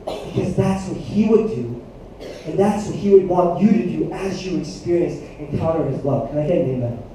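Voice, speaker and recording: A man in his thirties, a youth pastor preaching a sermon with animated storytelling and questions to the room. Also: fairly high pitch, normal speed, slight background noise. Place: church hall. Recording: echoey hall, mic at a distance.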